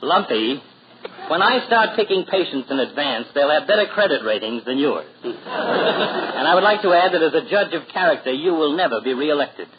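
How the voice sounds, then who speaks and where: An actor playing a pompous, sardonic family doctor in a 1940s radio comedy. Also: male voice, on the high side, lively intonation, moderate pace, natural voice. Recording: muffled, very noisy 1940s radio recording.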